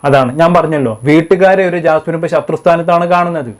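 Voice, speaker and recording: Guy doing a sarcastic episode review, rattles along fast, keeps scolding. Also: fairly high pitch. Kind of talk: fast casual review commentary.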